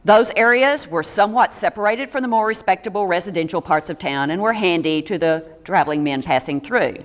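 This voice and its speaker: A woman's voice: lowish voice, a little fast, long reverb tail. A woman giving a local history talk to an audience in a meeting room, reading steadily from notes with small stumbles and dry asides.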